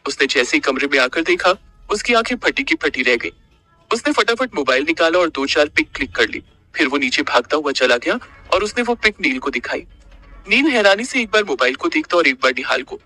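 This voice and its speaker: Man narrating an audiobook, bright voice, a bit high, faint music. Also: brisk. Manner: expressive storytelling.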